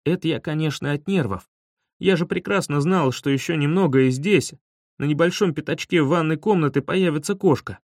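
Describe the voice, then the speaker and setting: A man narrating a humorous children's story in an expressive storytelling manner. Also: on the high side, normal speed, no echo, clean studio sound. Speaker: audiobook narrator.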